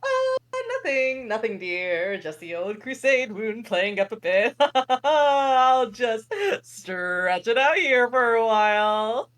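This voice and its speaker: A woman reads a nervous old king who frets and stammers his way through every excuse. The voice sits fairly high and leaps around in pitch, with an unhurried, drawn-out delivery. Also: very animated, faint music behind. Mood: flustered. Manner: fretful, stammering, dramatic sighs. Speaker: reader. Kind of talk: live table read.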